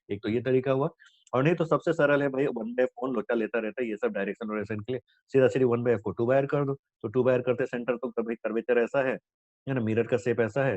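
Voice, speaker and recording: A man with a mid-range, slightly mellow voice teaches physics in Hindi sprinkled with English terms, working through problems on a board. He keeps tagging lines with "है ना" and poses questions only to answer them himself. The recording is dry, dull and lo-fi, with no echo.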